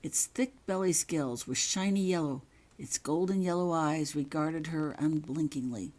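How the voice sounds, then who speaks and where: Reading a story she wrote herself, this woman gives a scripted, dramatic narration with a deep, slightly mellow voice. Her phrasing is short, measured and full of suspense.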